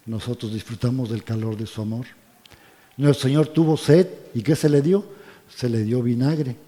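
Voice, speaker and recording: A man leading a church Bible study, often asking the listeners questions and dropping to soft, quiet tones on solemn points. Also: medium pitch. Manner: asks the congregation questions, checks in with "¿verdad?". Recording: long reverb of a church hall.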